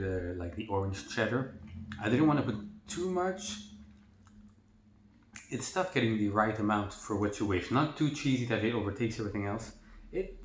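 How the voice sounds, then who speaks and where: A man's voice: medium pitch, slight background noise. Man talking while chewing, echoey room. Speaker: mukbang host. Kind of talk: casual eating commentary.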